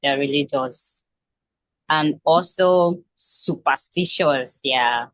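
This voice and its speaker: A Nigerian woman in her twenties is a guest in a casual interview, her voice deep, slow and a bit bright, with no room sound. She sounds hesitant, restarting often and using plenty of fillers.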